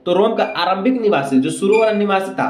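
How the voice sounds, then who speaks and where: With a high, animated voice and a slightly fast pace, an exam-prep video host runs through questions and their answers, often repeating points and tossing in rhetorical questions and checks along the way. The recording has an echoey room sound.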